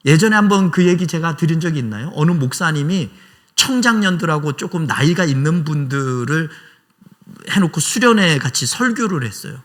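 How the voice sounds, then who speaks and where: A man's voice: fairly high pitch, lively intonation, moderate pace, fairly bright tone. A male pastor preaching a conversational, emotional sermon in a small church, acting out prayers aloud.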